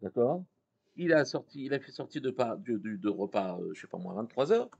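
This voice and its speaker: A man's voice: mid-range voice, sing-song, brisk, gravelly, a little mellow, breathy edge, lo-fi sound. A man teaching an interactive Torah class, reading Hebrew passages aloud and explaining them to his students. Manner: explains text, reads Hebrew passages then translates.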